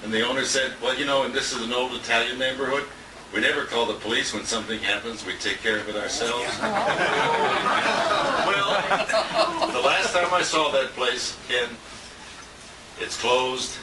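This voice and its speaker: An unhurried man with a mid-range, animated voice gives a casual tribute to a radio colleague at an indoor restaurant dinner, drifting between anecdotes and chuckling. A distant handheld compact camera picks him up, leaving the recording roomy and noisy.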